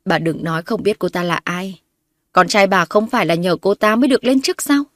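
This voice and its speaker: A woman's voice: medium pitch, a little fast, a bit bright, dry recording, clean studio sound, close to an everyday voice. A woman narrator voicing a wronged young wife who confronts her in-laws sharply and defiantly. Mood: accusing.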